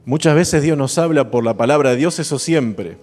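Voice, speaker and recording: Emphatic preacher in a reverberant church. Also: male voice, medium pitch, moderate pace, darkish tone. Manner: emphatic, builds to impassioned exhortation. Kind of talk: sermon. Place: evangelical church service. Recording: long church reverb, faint instrument music.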